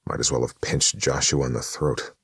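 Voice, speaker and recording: A man narrating an audiobook in a measured storytelling manner. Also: a bass voice, fairly even intonation, slightly rough, no room sound, clean studio sound. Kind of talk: scripted narration.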